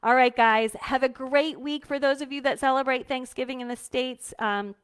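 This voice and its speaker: A woman's voice: sits high, fairly even intonation, normal speed, clear, resonant tone. A woman hosting a live-streamed coaching talk for business owners, chatty and heartfelt, with many fillers. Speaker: host.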